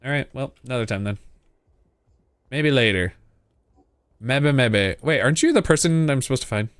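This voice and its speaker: A man's voice: medium pitch, expressive, moderate pace, clean tone, no echo, studio quality. A man giving a casual, playful game playthrough, reading text aloud and muttering asides to himself. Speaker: gaming video host.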